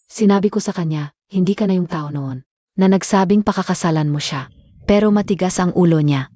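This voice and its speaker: A woman plays a cold, defiant heiress in a dubbed drama, speaking in a low, mellow voice. The delivery is accusing and firm, and the recording is close and dry. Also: fairly quick, dry recording, dull audio, close to an everyday voice. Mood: reproachful. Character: cold, defiant young woman heading a company. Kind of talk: dubbed short drama acting.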